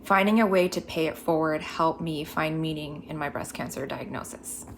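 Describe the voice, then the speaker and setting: Reflective woman with a lower voice. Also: normal speed, creaky, slight background noise. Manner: reflective and earnest. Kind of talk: personal testimony.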